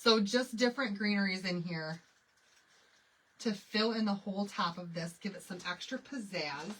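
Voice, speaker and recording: On a rough recording with some background noise, a Michigan-accented woman runs a live craft tutorial at a normal pace. Her mid-range voice is a bit bright, and she chats, laughs often, and responds to viewers mid-project.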